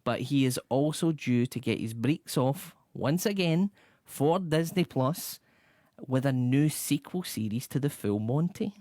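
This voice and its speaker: Presenter: man, mid-pitched, reads a rundown with dry asides, dry close sound. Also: animated, a little slow, warm tone, dry recording. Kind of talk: scripted rundown with chat.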